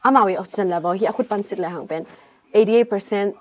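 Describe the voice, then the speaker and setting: A woman vlogger calmly explaining a health topic, stepping through medical terms one by one. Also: mid-range voice, moderate pace, lo-fi sound.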